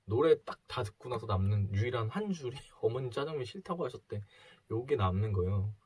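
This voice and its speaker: Chatty man preaching, husky voice. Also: mid-range voice, animated, a little fast, a little mellow. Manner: chatty storytelling, acts out quoted voices. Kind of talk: casual video sermon.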